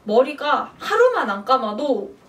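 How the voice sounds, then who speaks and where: A young woman tells a personal story in a relaxed, chatty vlog. Her voice sits a little high and she acts out her own past lines with animated bursts. The recording has her a bit away from the microphone. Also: unhurried, distant mic. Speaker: vlogger. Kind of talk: casual storytelling to camera.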